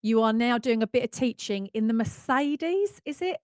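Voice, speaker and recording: A woman's voice: fairly high pitch, lively intonation, a little mellow, no echo, studio quality. Chatty laughing woman host. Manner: chatty, quick to laugh, exclamatory. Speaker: podcast host. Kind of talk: casual chat.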